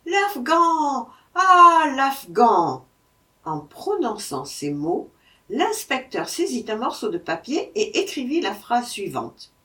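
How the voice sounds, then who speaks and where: A woman narrating a travel memoir at an unhurried pace, with a lively, rising and falling voice pitched fairly high. She sits a little back from the microphone. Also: far from the mic. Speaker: audiobook reader. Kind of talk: first-person travelogue narration.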